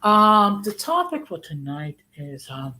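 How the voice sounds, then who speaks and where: A U.S. man in his sixties hosts a casual live-stream, chatting conversationally and often checking in with "okay?" His high voice swings hugely in pitch and has a sharp tone, and he speaks slowly on poor-quality audio.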